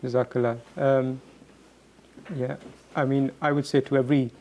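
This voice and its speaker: A man speaking reflectively as a guest answering questions, earnest and halting, often repeating words as he goes. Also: mid-range voice, little pitch movement, a little mellow, slight background noise, rough recording.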